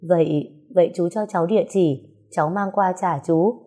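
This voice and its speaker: A woman's voice: lowish voice, steady tone, normal speed, natural voice. A woman reading a story aloud, voicing a shy, anxious young woman who talks hesitantly. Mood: timid. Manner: hesitant, soft, stammering.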